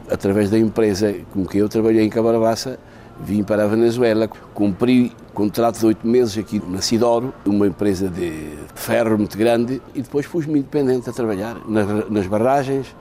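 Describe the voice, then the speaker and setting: An older man from Portugal, a businessman giving an interview in a plain, steady way. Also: fairly low pitch, a little hiss or hum.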